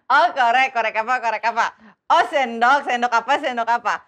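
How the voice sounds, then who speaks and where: A woman's voice: on the high side, fairly quick, a bit bright. A woman taking part in a comedy party game, flustered and exclaiming as she tries to keep up. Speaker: game contestant. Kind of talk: playful game banter.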